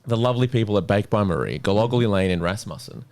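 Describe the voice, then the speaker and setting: A man's voice: on the low side, lively intonation, quick pace, a little mellow. A man co-hosting a podcast in loose, joking banter. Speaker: podcast co-host. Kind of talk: casual podcast chat.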